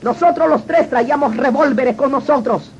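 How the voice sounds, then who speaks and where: A man's voice: extremely high pitch, moderate pace. A man telling his personal testimony in an earnest, dramatic storytelling manner. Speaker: testimony speaker. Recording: dull lo-fi recording with faint noise.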